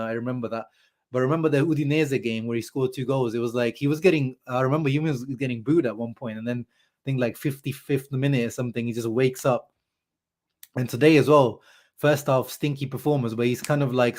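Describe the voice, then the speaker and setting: A young man with a sore throat and a mid-range voice hosts a football fan channel's live match reaction stream. He's animated and chatty, reads chat and answers viewers' comments, and says "bro" and "like" a lot.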